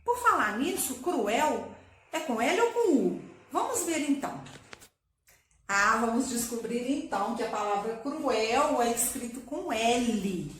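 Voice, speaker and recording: A woman teacher talks warmly to young pupils, calling them her loves and checking in often. Her voice sits high, and the room rings with heavy echo. A faint hiss of noise runs under the recording. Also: big pitch swings, slow. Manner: affectionate, talks to pupils as "my loves", frequent tag questions. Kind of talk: recorded online class.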